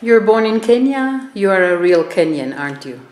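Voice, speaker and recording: A woman's voice: medium pitch, sing-song, moderate pace, a little mellow, echoey room. A woman interviewing a guest, asking short, direct questions.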